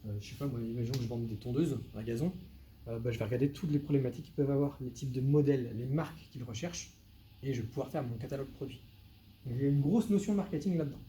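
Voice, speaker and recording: Dark-voiced man presenting to a crowd. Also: mid-range voice, fast, a little hiss or hum. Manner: lively, addresses the audience directly with dry asides. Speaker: web consultant giving a meetup talk. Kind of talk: live presentation to an audience. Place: meetup room with an audience.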